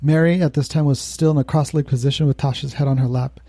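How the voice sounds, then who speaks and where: A man's voice: medium pitch, steady tone, fast, mellow, no echo. A male podcast co-host telling a spooky story in casual chat, laughing now and then. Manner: laughs while telling a creepy tale.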